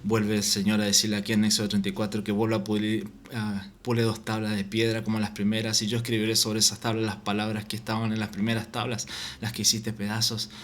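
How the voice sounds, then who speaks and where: Man, preacher, low monotone voice, halting, repeats himself, reads scripture. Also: a little hiss or hum. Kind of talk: informal Bible teaching.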